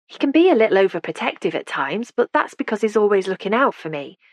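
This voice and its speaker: A young woman speaks politely but a little stiffly in a storybook reading, played by a woman narrator. The voice sits a touch higher than the narration and is recorded close and dry. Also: big pitch swings, quick pace, dry recording, muffled recording.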